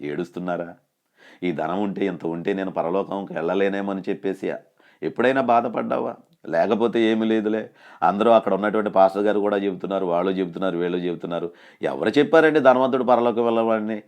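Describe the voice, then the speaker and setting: A man preaches a sermon. He swings from loud, raised scripture quotes down to hushed, pleading asides, and keeps putting direct questions to his listeners. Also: fast talker. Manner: rises loud for quoted scripture and drops to a low hush for pleas.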